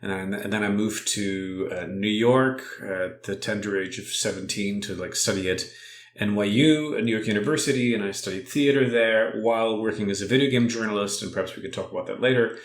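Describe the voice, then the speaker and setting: A game developer from Belgium and France, talking casually as a podcast guest. He rambles with many uhs and restarts. His voice sits low, and the room gives it an echo. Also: fairly quick. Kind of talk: casual interview chat.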